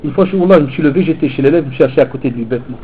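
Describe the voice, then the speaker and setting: A man, a teacher and preacher, giving an animated, informal sermon to teenagers and mixing street talk with religious phrases. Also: fairly high pitch, racing, phone-quality sound, a little hiss or hum. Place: hall in Belgium.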